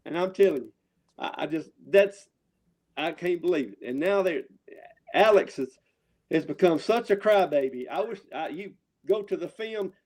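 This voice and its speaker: A man with a high-pitched voice and a Southern drawl rambles through casual wrestling trash talk. He swears freely and pushes his points hard, sounding riled up. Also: lively intonation, moderate pace, darkish tone. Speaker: wrestling promotion owner, show guest.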